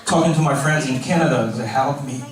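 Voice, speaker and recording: Chinese-accented young man, very echoey room. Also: mid-range voice. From China. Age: 20s. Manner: non-native, halting English with slips and repeats. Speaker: best man. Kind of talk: informal wedding speech. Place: large echoey room at a wedding reception. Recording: very echoey, distant mic, clearly noisy.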